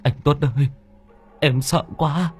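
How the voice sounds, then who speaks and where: A man's voice: fairly high pitch, steady tone, slow, a little mellow, breathy edge, faint music behind, pitched above the performer's own voice. A man voicing a terrified young village man who stammers and pleads in panic.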